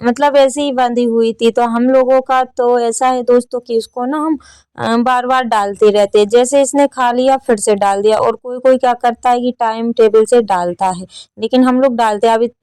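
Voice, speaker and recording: A woman's voice: a little high, steady tone, moderate pace, a little mellow, clear, resonant tone, dry recording. A young woman narrating her daily home and farm chores as a vlogger, chatting casually with her viewers. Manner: chatty, addresses viewers as friends. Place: rural home with farmyard.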